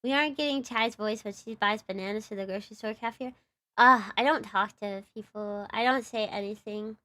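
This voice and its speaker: A woman's voice: medium pitch, a little fast, bright, forceful tone. A young woman with a Texan accent, chatting casually on a live stream in a bubbly, giggly, rambling way. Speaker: livestreamer and VTuber.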